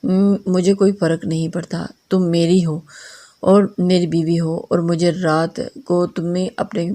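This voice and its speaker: A woman's voice: fairly low pitch, flat delivery, mellow, natural voice. A woman reading as an angry possessive young husband. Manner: commanding, angry.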